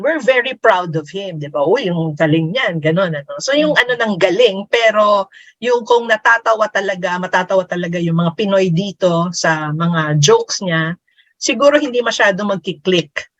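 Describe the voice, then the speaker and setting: A woman's voice: mid-range voice, normal speed, fairly bright tone, dry recording, muffled recording. A woman in her fifties, co-hosting a casual podcast chat, who laughs often and switches between Tagalog and English. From Philippines. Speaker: podcast co-host.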